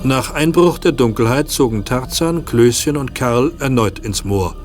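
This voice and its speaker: A man reading scripted radio-play narration in an even storytelling manner. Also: mid-range voice, measured pace, over music.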